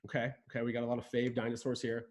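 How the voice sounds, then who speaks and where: An enthusiastic man from Ohio leads a relaxed online dinosaur lesson over a video call, sitting in a room in a rented home. He talks to his viewers in a chatty, joking way, clearly excited about the subject. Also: medium pitch, rapid-fire. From Ohio, USA. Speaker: host and dinosaur educator. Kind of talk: casual livestream lesson. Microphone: video call setup.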